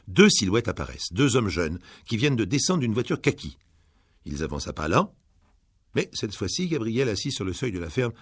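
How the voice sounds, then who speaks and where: A male narrator giving a dramatic audiobook reading with storyteller pacing that swells and hushes. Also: fairly low pitch, slightly rough, no echo, clean studio sound.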